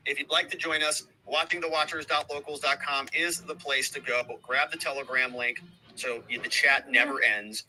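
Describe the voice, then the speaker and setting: A man's voice: mid-range voice, steady tone, normal speed, bright, forceful tone, low-quality recording. A middle-aged man hosting a livestream, chatting casually and thanking viewers by name between asides. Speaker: livestream host.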